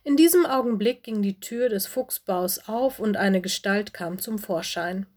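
A woman narrating a children's storybook in a calm, expressive storytelling voice. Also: mid-range voice, measured pace. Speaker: audiobook narrator.

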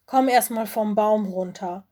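A calm young male forest animal who reassures his friends, as a woman reading a storybook puts him on. Steady and plain. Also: mid-range voice, measured pace, lightly acted.

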